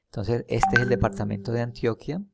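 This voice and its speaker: A man's voice: mid-range voice, steady tone, brisk, vocal fry, loud music behind the voice. A Colombian man teaching a casual history lesson, rambling with many fillers and restarts, often checking in with his students. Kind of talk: casual classroom lecture over a map.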